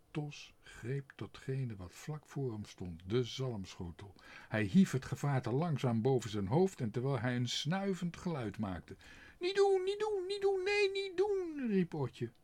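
A man narrating a children's storybook aloud in an expressive, unhurried way. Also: medium pitch, breathy edge. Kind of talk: storybook reading.

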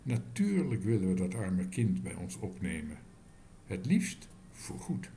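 A man voicing a pair of fussy, shrill aunts who fuss and squeal in a storybook reading. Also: very animated, a little slow, dark tone, slight background noise, full character voice.

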